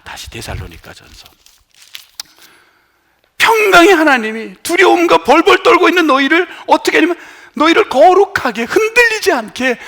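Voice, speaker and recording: A middle-aged male pastor preaching a sermon, asking his congregation questions and swinging from loud emphatic lines to hushed near-whispers. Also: extremely high pitch. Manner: asks the congregation questions and has them try words aloud.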